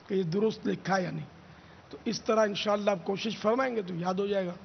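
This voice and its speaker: A man answering religious questions, explaining patiently and drilling pronunciation with slow, drawn-out repetitions. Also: high-pitched, creaky, big-room sound. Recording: dull lo-fi broadcast audio with faint hiss.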